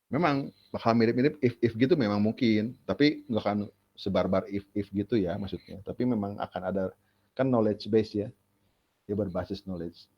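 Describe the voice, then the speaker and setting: A man's voice: on the low side, moderate pace. A male lecturer, giving a casual, chatty classroom lecture and asking rhetorical questions as he explains. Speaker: university lecturer. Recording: dull lo-fi classroom recording.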